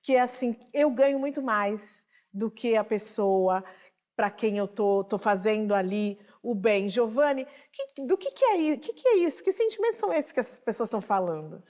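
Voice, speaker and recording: Brief: woman talk show host, slightly high voice, inquisitive and engaged. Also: lively intonation, normal speed, darkish tone. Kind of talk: TV studio conversation.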